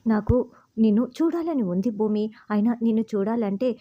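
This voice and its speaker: A woman's voice: fairly high pitch, expressive, fairly quick, dry recording. Woman doing a dreamy lovestruck young guy, gushing, bit lo-fi.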